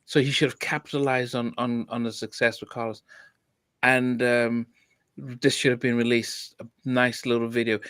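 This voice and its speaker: A man's voice: mid-range voice, level tone, moderate pace, a bit bright, clean tone, no room sound. A man hosting a podcast, chatting casually about an album with lots of restarts. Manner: hesitant, many restarts and fillers. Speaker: podcast host. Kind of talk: casual music review chat.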